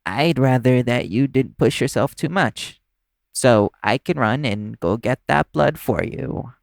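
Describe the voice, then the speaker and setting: A man plays the human partner of a young vampire in an audio roleplay, coming across as nervous, sheepish and caring. He speaks haltingly and stammers, his mid-range voice carrying vocal fry with no room sound at all.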